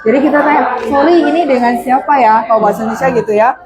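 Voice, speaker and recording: A woman teaching Mandarin in an online class, patiently explaining and modeling polite phrases slowly. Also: high voice, crowd noise, poor audio. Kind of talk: online language lesson.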